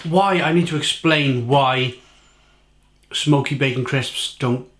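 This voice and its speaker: A man giving a casual, rambling snack review, munching crisps between phrases and repeating himself for mock-dramatic emphasis. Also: mid-range voice, slow, a bit bright. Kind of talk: casual food tasting review to camera. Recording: echoey room, faint noise, packet crinkling. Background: crisp packet crinkling and crunching.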